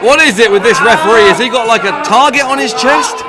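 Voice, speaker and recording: A man doing excited wrestling colour commentary, full of urgent rhetorical questions and repeated exclamations. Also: extremely high pitch, brisk. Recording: loud crowd and venue noise. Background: loud live crowd.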